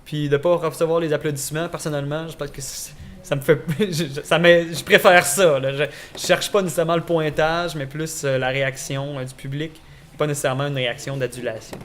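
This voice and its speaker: A man's voice: on the high side, steady tone, a little fast, a little hiss or hum. A man giving a reflective interview answer, hesitating and searching for words.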